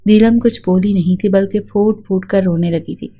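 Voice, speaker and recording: A woman narrates a dramatic story in a steady, even reading. Her tone is mellow and dark rather than bright. She sits at a middle pitch for a woman.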